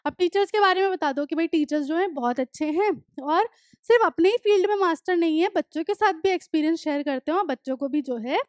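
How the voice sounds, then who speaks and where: A young woman teaching English letter writing in an online lesson, explaining each step in Hindi and reading the model sentences slowly with an Indian accent. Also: very high voice, animated, no room sound, studio quality.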